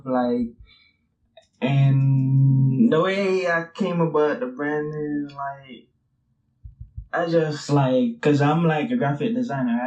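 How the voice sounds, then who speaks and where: A man's voice: medium pitch, mellow, low-quality recording. A man in his twenties from Brooklyn, New York, answering interview questions in a loose, rambling way full of fillers and casual swearing. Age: 20s. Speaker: streetwear brand founder and guest.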